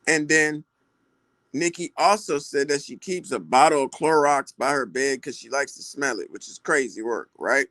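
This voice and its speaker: A man's voice: medium pitch, normal speed, sharp tone, no room sound. A man giving casual celebrity gossip commentary, retelling stories in slangy talk and acting out the quoted lines.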